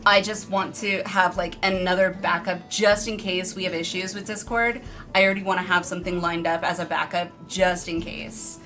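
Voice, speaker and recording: A woman's voice: lowish voice, fairly even intonation, moderate pace, pushed and bright. A woman live streamer chatting casually with her viewers in an informal, rambling, self-deprecating way. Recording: music behind the voice. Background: background music.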